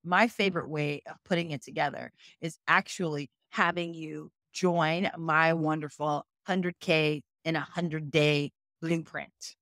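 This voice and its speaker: A woman's voice: sits low, fairly even intonation, unhurried, few pauses, fairly bright tone, no room sound. Middle-aged woman business coach hosting a live web class, chatty and interactive, keeps asking viewers if it makes sense, dry close sound. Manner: reacts to viewer comments aloud.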